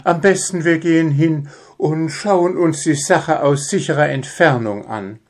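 A timid mother hare from a children's storybook, voiced by a man high and slow. She frets and hesitates as she talks. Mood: fretful. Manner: hesitant, fretful. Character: female hare mother, anxious but sensible.

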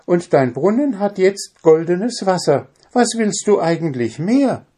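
A man voicing an excitable little bird, squeaky and urging in a storybook reading. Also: measured pace, husky, exaggerated voice. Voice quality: very high squeaky voice. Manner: pushy, urging.

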